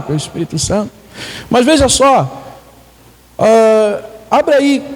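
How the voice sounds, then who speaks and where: A man's voice: high voice, big-room sound. A man preaching a sermon, reading scripture aloud and explaining it to the congregation.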